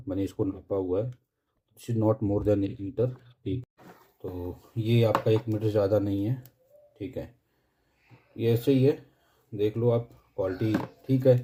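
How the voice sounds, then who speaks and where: Low husky guy doing a chatty unboxing review, jokey. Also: mellow. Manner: chatty, jokey, keeps saying "theek hai". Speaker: product reviewer.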